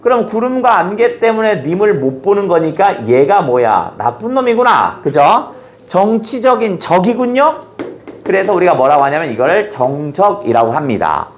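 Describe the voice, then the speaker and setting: A man's voice: high voice, sing-song, moderate pace, a little hiss or hum. A man teaching a literature class in a playful, colloquial way with blunt slang. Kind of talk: classroom lecture.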